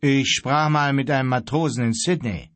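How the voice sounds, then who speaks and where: A man voicing a curious ship's mate who asks plain questions, in a husky voice. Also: mid-range voice, moderate pace, fairly bright tone, no echo, close to an everyday voice.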